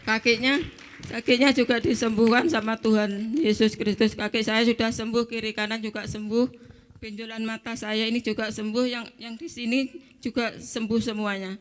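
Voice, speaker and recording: A woman's voice: a little high, level tone, moderate pace. Emotional woman giving church testimony. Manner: emotional, plain-spoken, repeats herself. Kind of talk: spoken testimony. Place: church service.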